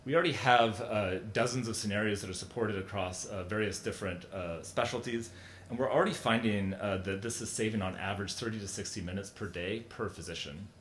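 A middle-aged man giving a conference keynote talk in a large hall, speaking conversationally with many fillers and restarts. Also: fairly quick. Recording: echoey hall, faint rumble.

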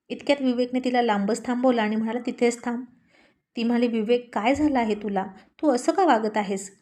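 A woman narrating a scripted drama story, reading all the characters' lines in her own voice and getting louder in the arguments. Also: on the high side.

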